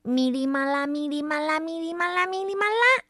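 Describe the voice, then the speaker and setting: A tiny cheeky fairy with a high, teasing, chirpy voice, as a woman storyteller puts it on. The voice leaps about playfully and sounds close and dry. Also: big pitch swings, measured pace, a bit bright, dry recording, heavily acted.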